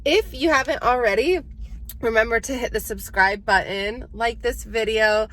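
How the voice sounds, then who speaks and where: A woman's voice: a little high, normal speed, loud music behind the voice, poor audio. A young woman with a Southern US accent, chatting casually to camera in a vlog and laughing often. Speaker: vlogger.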